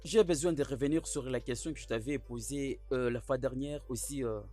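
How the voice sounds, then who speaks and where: An actor dubbing a boastful, wealthy older man into French, blustering with rivals and soft when courting. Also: medium pitch, brisk, faint music behind, natural voice. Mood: tender. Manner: blustering, then soft and pleading. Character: boastful rich old man courting a young woman. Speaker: wealthy suitor. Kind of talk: French film dub.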